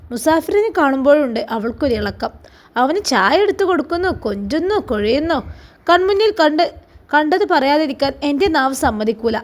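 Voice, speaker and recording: A woman putting on a spiteful, sneering sister-in-law. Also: high voice. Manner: sneering, hushed and hissing.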